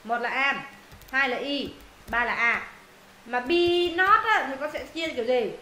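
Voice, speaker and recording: A woman teaching an English lesson to her students, walking them through answers and firing quick questions to check they follow. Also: sits high, pushed and bright. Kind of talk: classroom lesson explaining answers. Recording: roomy echo, faint noise.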